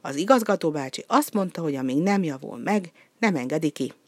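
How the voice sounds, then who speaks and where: Brief: reader doing a calm lady seal in a storybook, patient and gently correcting. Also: mid-range voice, no room sound. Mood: patient, admonishing. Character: patient, motherly female seal.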